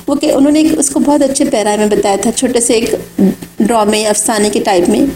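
A woman's voice: a little high, fairly even intonation, mellow, a little hiss or hum. A woman giving an Islamic lecture, speaking in an earnest, exhorting way. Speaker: religious speaker. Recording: echoey room.

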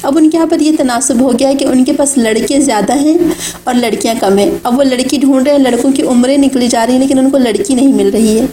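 A woman's voice: sits high, warm tone, slight background noise. A woman giving an Islamic lecture, speaking in an earnest, exhorting way. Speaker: religious speaker. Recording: echoey room.

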